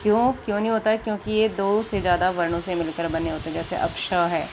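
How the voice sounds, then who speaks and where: A woman's voice: on the low side, flat delivery, quick pace, noisy background. A woman teacher giving a grammar lesson to children, patiently asking questions and answering them herself. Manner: patient, asks and answers her own questions.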